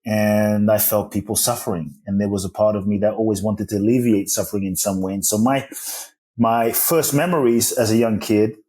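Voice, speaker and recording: A man's voice: fairly low pitch, fairly even intonation, moderate pace, a little mellow. A man in his forties, born in Ghana and raised in London, telling his life story as a podcast guest in an earnest, reflective way. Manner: earnest, spiritual storyteller with many restarts. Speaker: podcast guest, author and speaker.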